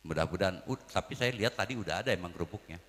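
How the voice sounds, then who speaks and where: A man preaching a comic sermon, swinging between loud calls to the crowd and quiet asides. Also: sits low, animated, racing, big-room sound.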